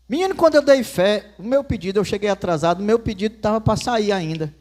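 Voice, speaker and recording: A Northeastern Brazilian man preaching a sermon in church, his voice sitting high. He tells stories with folksy asides, and his pitch leaps around with animated energy. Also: fast. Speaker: pastor.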